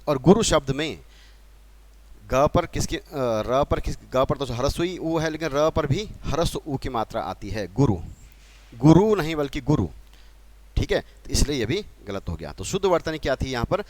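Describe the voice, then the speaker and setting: A man from Uttarakhand, speaking with an Uttarakhand Hindi accent, patiently teaches a spelling lesson at a board. His mid-range voice has lively intonation at a normal speed, and the recording is dry. He repeats key points and puts questions to the class.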